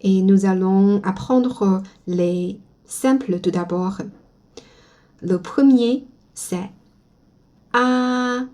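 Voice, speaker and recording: A woman whose first language is Chinese, teaching pronunciation slowly and modeling each sound for learners to repeat. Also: mid-range voice, warm tone. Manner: slow and careful, models sounds for repetition. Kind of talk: slow spoken language lesson.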